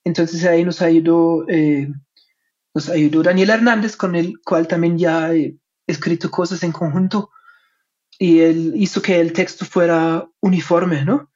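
German guy with a german accent talking in an interview, thoughtful and halting, kinda muffled lo-fi audio. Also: fairly high pitch, fairly even intonation, darkish tone. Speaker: interviewed academic researcher and author. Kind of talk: conversational interview answers. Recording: dull, lo-fi sound.

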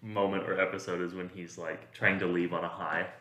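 A man's voice: sits low, little pitch movement, a little fast. A man co-hosting a podcast, making laid-back, dry remarks in casual chat. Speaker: podcast co-host. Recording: echoey room with crowd noise.

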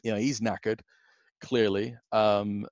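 Low-voiced man telling stories. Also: flat delivery, measured pace, darkish tone, dry recording, muffled recording. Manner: rambling anecdotal storytelling, many fillers. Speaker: podcast guest. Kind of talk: casual podcast chat.

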